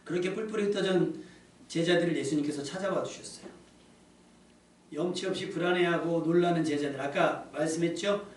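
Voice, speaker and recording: In a church sanctuary, a man preaching as pastor poses rhetorical questions to the congregation in a conversational way. His voice is fairly high and a little mellow, recorded from a distance in an echoey hall with faint room noise.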